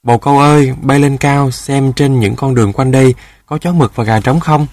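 A man's voice: medium pitch, normal speed, a little mellow, no echo, studio quality, natural voice. Man doing a cocky twelve-year-old boy. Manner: boastful and friendly. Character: cheeky, proud boy of about twelve.

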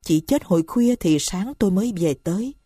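A woman's voice: mid-range voice, animated, fairly quick, warm tone, husky, dry recording. A woman voicing a rash young husband full of grief and remorse, pleading and tearful. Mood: remorseful.

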